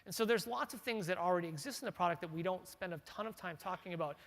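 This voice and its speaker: Speaking quickly in a high, fairly bright voice, a middle-aged company CTO lays out product strategy in a casual conference keynote. He talks loosely and conversationally, often using fillers and restarting sentences, in a large conference hall.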